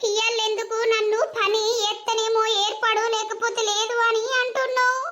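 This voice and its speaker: A woman's voice: very high-pitched, little pitch movement, moderate pace, bright, forceful tone. A woman voicing a hurt village housewife who speaks in a plaintive, aggrieved way.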